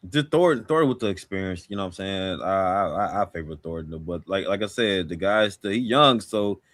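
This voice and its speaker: Animated man asking pointed football questions. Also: deep voice, brisk, dry recording. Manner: animated, asks pointed questions, repeats phrases. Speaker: sports talk co-host. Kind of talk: casual sports talk.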